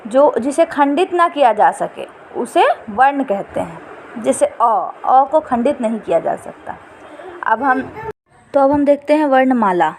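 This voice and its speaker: A woman teaching an exam-prep lesson, repeating each definition slowly. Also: high-pitched, lively intonation, slight background noise.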